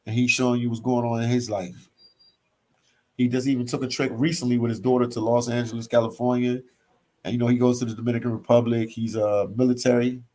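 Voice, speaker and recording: Talking fast in a medium-pitched voice, a relaxed Philadelphia man answers his livestream viewers' comments after reading them out from a hostel library. This travel vlogger repeats phrases frequently and says "man" a lot.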